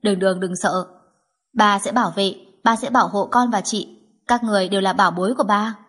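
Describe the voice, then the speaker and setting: A woman's voice: mid-range voice, fairly even intonation, quick pace, fairly bright tone, husky. Woman voicing a curt, protective young father. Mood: firm.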